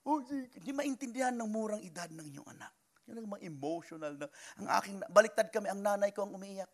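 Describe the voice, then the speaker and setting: A man preaching a sermon in church as pastor, animated, with acted quotes and sudden shouts. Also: sits high, fast talker.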